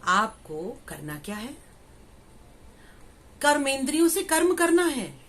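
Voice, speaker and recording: A middle-aged woman who teaches the Gita and works as a spiritual life coach gives a slow discourse on scripture, using homely examples and rhetorical questions. Her voice is fairly high, with a little hiss or hum.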